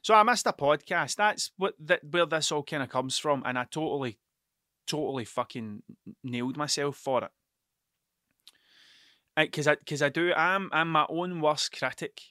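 Guy rambling on his podcast, swears a lot, trips over his words, bright tense voice. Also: a little high, normal speed, dry recording, studio quality. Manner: sweary, stuttering, restarts sentences. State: tired. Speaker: podcast host and mural painter. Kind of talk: rambling solo podcast monologue.

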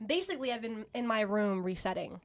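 A young woman co-hosting a podcast, telling a story in casual chat, animated and full of "basically" and "like". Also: mid-range voice, a little fast, a crowd in the background. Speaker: podcast co-host.

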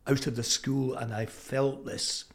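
An elderly man from Fife speaks with his local Scottish accent at a medium pitch. He talks as a guest in an interview, reflective and conversational. His delivery is thoughtful and halting, with plenty of pauses. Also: level tone. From Fife, Scotland. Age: 70s.

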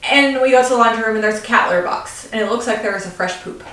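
A woman's voice: a little high, quick pace, a bit bright, recorded from a distance. A woman in her thirties co-hosting a podcast, telling stories in casual chat and laughing easily. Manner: chatty storyteller, laughs easily. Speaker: podcast co-host. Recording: echoey room, off-mic.

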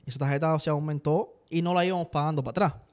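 A man chatting casually on a podcast, talking quickly and dropping English words into his Spanish. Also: a little high. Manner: fast, energetic talk sprinkled with English words. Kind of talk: casual chat.

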